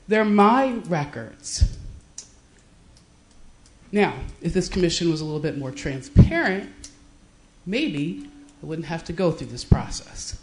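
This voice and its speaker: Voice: medium pitch, darkish tone. A resident making pointed, confrontational public comment to a city commission. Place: council chamber. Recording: echoey meeting room.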